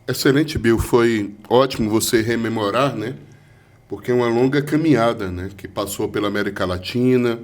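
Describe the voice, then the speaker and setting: A man's voice: mid-range voice, moderate pace. A man hosting an interview, speaking conversationally with frequent tag questions. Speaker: interview host.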